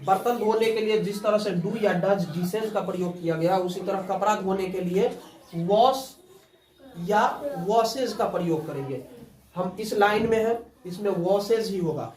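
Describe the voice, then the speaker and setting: A man's voice: high voice, normal speed, a little mellow. Guy teaching english to a class, keeps prompting them to answer back, echoey room, mic far off. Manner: call-and-response drilling, prompting students to answer. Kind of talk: classroom lesson.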